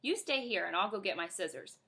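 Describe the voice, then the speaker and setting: A woman voicing a patient, sensible mother who reasons calmly. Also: medium pitch, brisk, gravelly, breathy edge, exaggerated voice.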